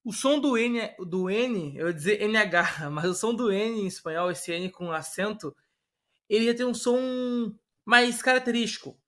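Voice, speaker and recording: A man's voice: high voice, a little slow, a bit bright. A man with a Brazilian Portuguese accent teaching an online Spanish lesson in a casual, explanatory way, often checking in with tag questions.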